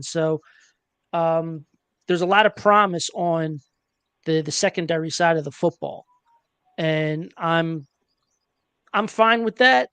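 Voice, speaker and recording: A man hosting a casual sports podcast, chatty and hesitant, filling pauses with ums and uhs. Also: a little high, clear, resonant tone, dry recording. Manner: chatty, hesitant with many fillers. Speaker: podcast host.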